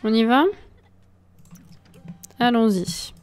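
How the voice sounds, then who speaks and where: A woman's voice: a little high, very slow, clear, resonant tone. A woman hosting a let's play from home into a desk mic, giving casual, exasperated commentary and talking to the game characters.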